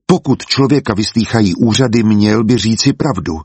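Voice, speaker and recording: A man voicing a jovial young ironworks owner who smoothly blackmails a rival. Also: on the low side, a little mellow, dry recording. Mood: sly.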